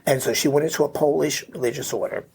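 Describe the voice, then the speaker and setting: Speaking quickly in a steady, slightly high voice with a darkish tone and breathy edge, a middle-aged man shares a family story as a podcast guest. He's a memoir author, and his interview storytelling rambles, dotted with "right?" and "you know." The recording is rough.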